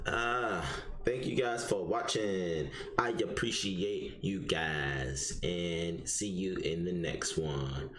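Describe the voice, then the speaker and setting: Slow-talking deep-voiced man, roomy sound. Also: a crowd in the background. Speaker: host. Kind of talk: casual reaction commentary. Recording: roomy with faint noise.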